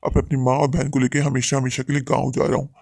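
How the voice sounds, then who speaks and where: A man's voice: medium pitch, flat delivery, creaky, a little mellow, no room sound, clean studio sound. A man voicing a stern, wounded husband in a cartoon story, speaking coldly and firmly. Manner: cold, firm, rapid delivery. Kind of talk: dubbed Hindi cartoon story.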